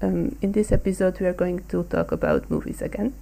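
A woman's voice: fairly low pitch, wildly swooping pitch, brisk, vocal fry, mellow, poor audio. A young woman from Hungary co-hosting a casual discussion podcast, talking hesitantly with many ums. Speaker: podcast co-host.

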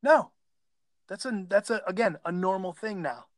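A man's voice: high-pitched, expressive, normal speed, dry recording, studio quality. A man co-hosting a casual chat, teasing and stubbornly arguing his side. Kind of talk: casual banter.

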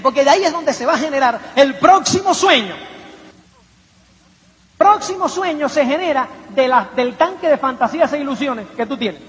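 A man giving a motivational seminar talk to an audience, rhetorical and animated, constantly asking if they follow him. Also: very high-pitched, a little hiss or hum. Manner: rhetorical, keeps asking "¿me entiendes?"; acts out little quoted voices and anecdotes. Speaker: motivational speaker. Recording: echoey hall, dull lo-fi sound.

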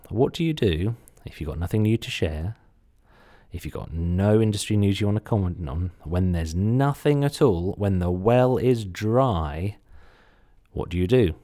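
A man's voice: sits low, dark tone. A man with a slight Suffolk English accent giving a casual instructional podcast talk, chatty and full of self-deprecating asides. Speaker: podcast host, content marketer.

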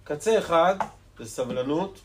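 A man, a rabbi, giving a Torah lesson to a live audience with impassioned rhetorical questions that swing from hushed tones to loud emphasis. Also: on the high side, expressive, noisy background.

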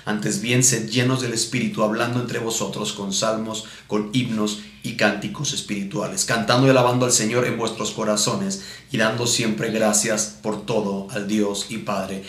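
A pastor with a Mexican accent teaches at a missions conference, reading Bible passages and repeating key points while asking rhetorical questions to check in. His voice sits on the low side and is fairly bright, flat in delivery, moderately paced with hardly any pauses. The room sound is echoey.

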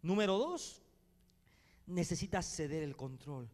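A man preaching a sermon as pastor. He swings between loud preaching and hushed speech and speaks directly to the congregation. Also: a little high, animated, unhurried, in a large hall. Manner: addresses the congregation directly with calls to respond. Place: church hall.

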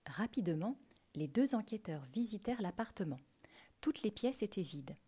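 A woman narrating a children's adventure book with a clear, lively reading. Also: mid-range voice, moderate pace. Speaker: audiobook narrator. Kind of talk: storybook reading.

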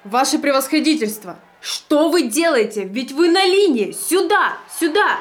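A woman shouting as a panicked male policeman. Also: high-pitched, expressive, unhurried, a little hiss or hum, pitched above the performer's own voice. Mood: frantic. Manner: frantic pleading shouts.

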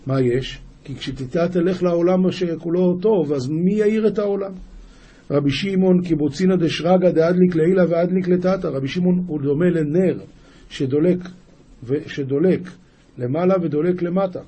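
Husky-voiced rabbi reading and explaining. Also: male voice, fairly high pitch, warm tone. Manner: reads an ancient passage aloud, then explains each phrase; frequent restarts and self-corrections. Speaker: rabbi teaching a daily text. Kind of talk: religious text lesson.

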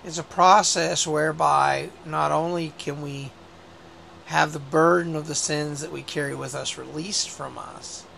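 Hoarse male bishop host with a gravelly, higher voice and a laid-back delivery. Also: measured pace, slight background noise. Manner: relaxed, conversational, with frequent fillers. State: hoarse from a cold. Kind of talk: casual religious talk show.

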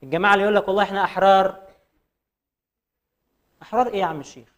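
A man with an Egyptian Arabic accent giving a religious lecture, firing rhetorical questions and reciting verses slowly. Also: high voice, fairly bright tone, dull audio. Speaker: preacher.

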